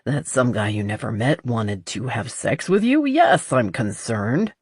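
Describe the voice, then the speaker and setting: A woman voicing a calm, teasing adult man in an audiobook, speaking in a low, controlled way. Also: a little slow, slightly rough, no echo, clean studio sound, heavily acted. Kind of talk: audiobook character voice.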